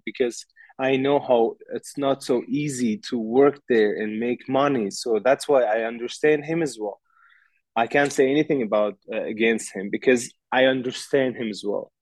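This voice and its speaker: A man from Uzbekistan speaking English, stopping often to restart his sentences and filling pauses with soft "uh"s. He tells a personal story as a podcast guest. His voice is close and dry, with no room sound around it. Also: mid-range voice, no room sound. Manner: halting, with many fillers and restarts.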